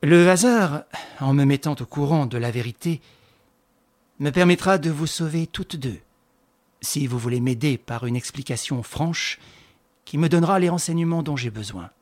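A firm, commanding gentleman, as a male reader voices him in an audiobook. He speaks with authority, his pitch rising forcefully on key words. The voice sits fairly high and lively. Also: moderate pace, lightly acted. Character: commanding composed gentleman investigator. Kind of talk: audiobook reading.

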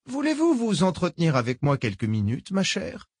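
A man voicing a sinister old woman who speaks in a soft, honeyed, menacing way. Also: on the high side, huge pitch swings, normal speed, husky, dry recording, clean studio sound, pitched above the performer's own voice, heavily acted. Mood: falsely sweet. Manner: honeyed, menacing, repeats "ma chère".

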